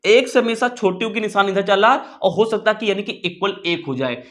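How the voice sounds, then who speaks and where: A man with an Indian accent teaches maths informally online to school students in a high, fairly bright voice with lively intonation and a fairly quick pace. He speaks to them familiarly, repeats phrases, coaxes their attention and keeps checking understanding with questions.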